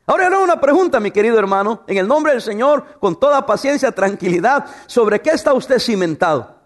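High-pitched, lively preaching man. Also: fairly quick. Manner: preaching with laughs and rhetorical questions; tells humorous stories about his wife. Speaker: pastor. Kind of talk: sermon.

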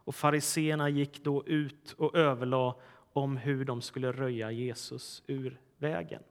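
A man's voice: a little high, long reverb tail. A man preaching a sermon, telling a humorous story and then reading scripture aloud. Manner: storytelling, animated in punchlines. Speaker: pastor.

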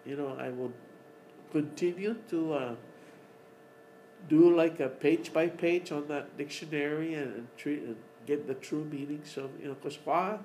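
A man's voice: a little high, measured pace, poor audio. A man with a Chamorro accent talking casually and emphatically as a podcast guest, often repeating his words. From Mariana Islands. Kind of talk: casual conversation mixing English and Chamorro. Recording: steady background ambient noise.

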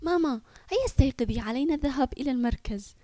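Hopeful young boy for a kids' story, high and lively; a woman puts him on. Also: quick pace, husky. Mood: eager. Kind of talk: children's audio story.

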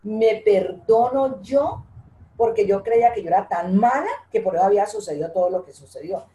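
A woman's voice: mid-range voice, normal speed, dark tone, echoey room, poor audio. An older woman speaking earnestly and from the heart in an interview, often repeating her phrases. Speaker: guest, interviewee's mother. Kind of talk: emotional interview talk.

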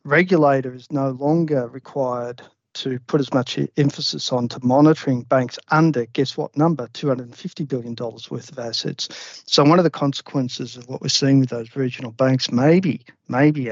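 A man, a chief economist, talking about the week's banking turmoil in an animated, chatty way. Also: mid-range voice, moderate pace, dry recording. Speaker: chief economist, regular guest. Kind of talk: casual chat. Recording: dry, slightly dull lo-fi audio.

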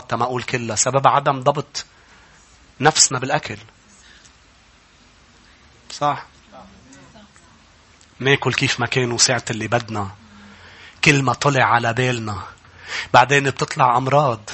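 A middle-aged male pastor with a Lebanese Arabic accent, preaching a sermon that climbs into loud, emphatic passages and calls out for amens. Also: medium pitch, breathy edge.

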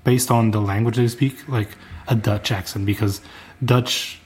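A young adult man from Brazil or Portugal, whose first language is Portuguese, chats casually with enthusiasm, rambling and often restarting his sentences. His voice is fairly low with a steady tone and a measured pace.

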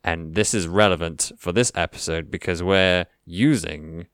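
A man voicing a pompous, self-styled male supervillain with a slow, theatrical delivery. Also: fairly bright tone, no room sound, studio quality. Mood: mock-menacing. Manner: slow, low, theatrical announcing.

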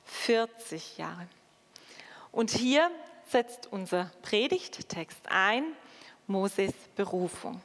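Slow woman preacher in reverberant church. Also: mid-range voice, lively intonation, fairly bright tone. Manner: slow, measured delivery with dramatic pauses. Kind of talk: sermon with scripture reading.

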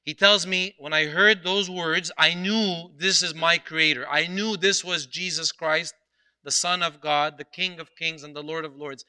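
A man's voice: fairly high pitch, steady tone, unhurried, sharp tone, clean tone. A man, a priest, giving an earnest sermon with emphatic repetition and storytelling.

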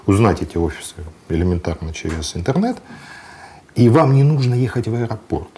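Man, low voice, very animated intonation, matter-of-fact explainer, hesitant fillers. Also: brisk, slight background noise. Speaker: guest sharing travel experience. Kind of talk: conversational interview.

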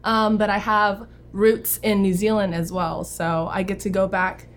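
A young woman from New Orleans chats as a guest on an interview show. She sounds friendly and a little giggly, sometimes pausing to find her words. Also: medium pitch, level tone. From New Orleans, United States. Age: young adult. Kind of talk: casual interview chat.

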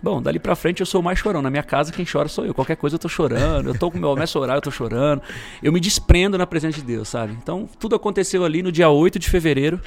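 Fast, gravelly São man. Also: on the high side, soft background music. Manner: slangy, emphatic storyteller, bursts of loudness. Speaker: guest sharing conversion testimony. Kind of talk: casual testimony chat.

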